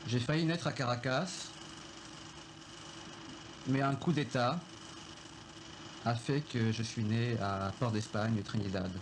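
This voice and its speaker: A man recalling his family's story in a film interview, reflective and halting, with many pauses. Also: medium pitch, fairly even intonation, background noise. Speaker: filmmaker recounting his family.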